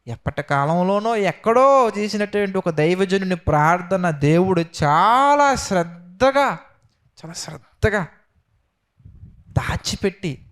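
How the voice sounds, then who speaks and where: Male preacher, fairly high and smooth voice, fervent sermon full of rhetorical questions. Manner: rhetorical questions, swings between loud exhortation and quiet prayerful tones. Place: church.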